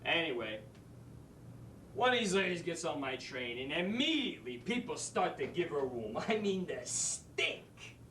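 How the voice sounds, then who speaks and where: An actor playing a brash, wisecracking New street-smarts teacher in a stage monologue. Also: male voice, fairly high pitch, sing-song, a little slow, bright, forceful tone, slight background noise, heavily acted. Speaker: actor in a drama school showcase monologue. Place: theater stage. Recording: echoey stage from a distant mic.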